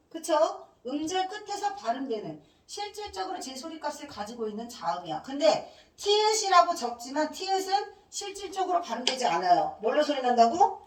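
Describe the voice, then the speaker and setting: A woman teacher giving a classroom grammar lecture, asking questions and answering them herself and drilling letters one by one. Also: high voice. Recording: echoey room, mic at a distance.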